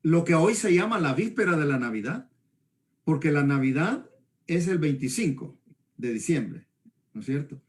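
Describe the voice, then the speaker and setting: A pastor from El Salvador discusses the Bible in a conversational, didactic way, often using tag questions to check that listeners agree. His voice is a little high and animated, at a moderate pace.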